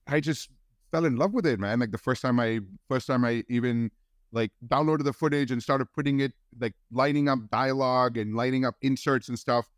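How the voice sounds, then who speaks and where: A man in his forties, originally from India, talks casually as a podcast guest. His voice is smooth and resonant, sits at a middle pitch, and is recorded close and dry. He tells his story loosely, doubling back and restarting often. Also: fairly quick, dry recording. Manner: relaxed storytelling with many restarts and fillers. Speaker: guest film editor.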